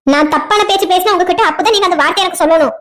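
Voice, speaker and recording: A woman's voice: very high-pitched, rapid-fire. A woman with a south Tamil accent voicing characters in a cartoon drama, delivering fiery, scolding retorts. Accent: south Tamil Nadu dialect. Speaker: voice actor for a cartoon series.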